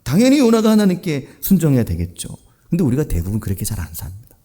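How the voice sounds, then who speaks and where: Husky, animated Korean pastor preaching. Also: male voice, fast. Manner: animated, swings between hushed low asides and raised emphatic lines; rhetorical questions to the congregation. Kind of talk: sermon.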